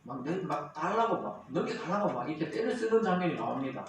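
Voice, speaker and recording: Animated pastor in a very echoey church. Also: male voice, on the high side, quick pace. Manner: animated, acts out quarrels in character voices. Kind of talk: sermon. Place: church sanctuary. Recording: very echoey hall, distant mic, faint noise.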